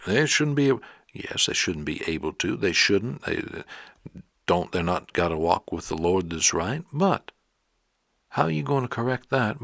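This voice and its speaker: A male preacher with a low, gravelly voice delivers a sermon, pressing his points with one rhetorical question after another. The sound is dry and close. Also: fairly bright tone, no room sound. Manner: emphatic, fires rhetorical questions.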